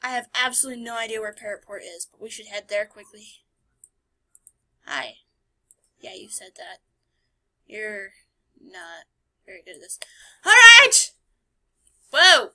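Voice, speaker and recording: A woman's voice: mid-range voice, normal speed, long pauses, bright, forceful tone. A woman giving casual, playful and sarcastic commentary as she plays a game. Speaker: gamer narrating a playthrough. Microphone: screen recording voice-over.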